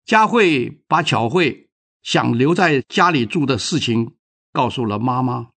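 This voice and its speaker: A man reading a children's story aloud with expressive, dramatic narration. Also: mid-range voice, unhurried, breathy edge.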